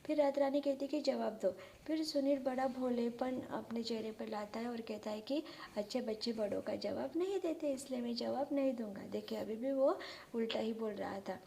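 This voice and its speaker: A woman's voice: fairly high pitch, normal speed, creaky, dark tone. A woman teacher who retells a story for her pupils and stops often to explain words and idioms.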